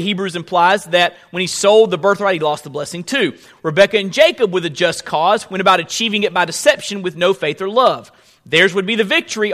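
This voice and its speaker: A male pastor delivers a sermon in a high, bright voice. He speaks forcefully and deliberately, repeating his main phrases for emphasis and turning to his listeners with rhetorical questions. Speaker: pastor preaching. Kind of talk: sermon to a congregation.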